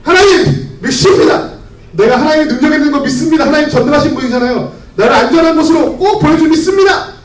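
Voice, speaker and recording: A man's voice: very high-pitched, expressive, fast talker, reverberant, recorded from a distance, background noise, voice pushed up. A man voicing a stubborn devout man who prays on a rooftop during a flood and insists that God will save him. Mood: fervent pleading. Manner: pleading, insistent.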